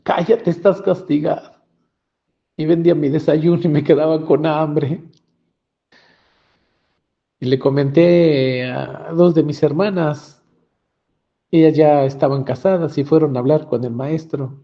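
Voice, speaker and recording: A man's voice: fairly high pitch, steady tone, unhurried, creaky, long pauses. A man giving a personal testimony about his childhood and often acting out the dialogue. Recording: dull lo-fi recording.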